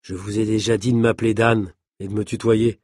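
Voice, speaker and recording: A man voicing a confident daredevil stuntman in a storybook reading, husky and self-assured. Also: medium pitch, level tone, fairly quick, a little mellow, no room sound, clean studio sound, lightly acted. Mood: breezy.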